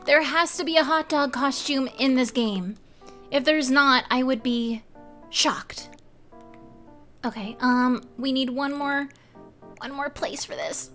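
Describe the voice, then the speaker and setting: Young woman streamer, high voice, giggly game chatter with chat, faint music under. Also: fairly bright tone. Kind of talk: casual live game commentary.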